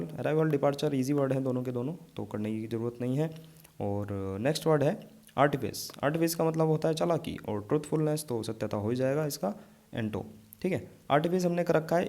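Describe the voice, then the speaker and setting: Guy teaching vocab tricks, mellow relaxed tone, keeps checking in with students. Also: medium pitch, a little fast, gravelly. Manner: explains with memory tricks and repeated check-ins. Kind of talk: vocabulary lesson.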